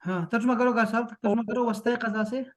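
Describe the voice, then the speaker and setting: A man teaching an Arabic reading class in Urdu, reading slowly and translating line by line, with frequent encouraging praise. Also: very high voice, fairly even intonation.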